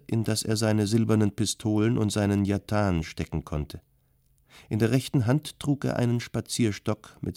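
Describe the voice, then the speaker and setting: A man narrating a literary audiobook in a calm, measured way. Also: on the low side, no room sound, studio quality.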